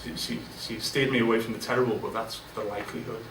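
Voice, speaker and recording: Speaking quickly and flatly at a medium pitch, a guest speaker in his forties talks informally and candidly to an audience at a business event, full of fillers and restarts. He's in a large event room with listeners present. A distant mic makes it sound roomy, with faint ambience and background noise.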